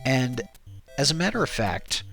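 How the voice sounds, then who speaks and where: An American man chatting on his stream with a stuffy, nasal voice from a cold. He talks slowly and unhurriedly in a bright, forward tone, drifting between thoughts with fillers and restarts. Faint music plays underneath. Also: medium pitch, sing-song, vocal fry. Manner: rambling, with many fillers and restarts. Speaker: streamer and game developer. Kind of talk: casual live-stream chat.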